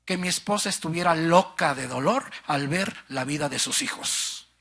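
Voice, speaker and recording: A man with a gravelly voice preaches a passionate sermon at a moderate pace, addressing listeners as brother and sister. He swings between fervent cries and hushed, low phrases.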